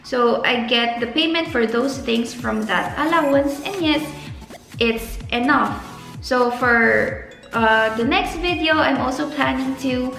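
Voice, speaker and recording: A woman's voice: high-pitched, takes it slowly, vocal fry, a bit bright. A young Filipino woman with a Filipino accent, a graduate student giving casual, earnest advice in a vlog and stretching words for emphasis. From Philippines. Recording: echoey room with faint music.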